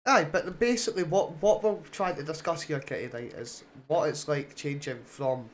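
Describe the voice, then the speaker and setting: A man's voice: fairly high pitch, normal speed. A man hosting a casual podcast chat, rambling and coaxing his guest with questions. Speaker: podcast host.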